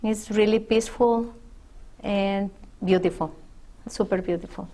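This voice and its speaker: Middle-aged woman from mexico, spanish is her first language, talks real slow and careful, lots of pauses. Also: mid-range voice, steady tone, mellow. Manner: slow, thoughtful, with pauses and fillers. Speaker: interviewee. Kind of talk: unscripted interview answers.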